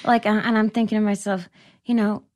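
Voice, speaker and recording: A woman in casual podcast chat, laughing often and acting out scenes in quick little impressions. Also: mid-range voice, little pitch movement, darkish tone. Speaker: podcast co-host.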